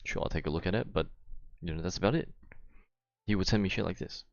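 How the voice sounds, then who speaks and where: Talking fast in a low, creaky voice, a young gamer and vlogger casually explains a falling-out with his friends to the camera. He rambles with slang, a bit of swearing and lots of check-in tags; the recording is muffled with no echo.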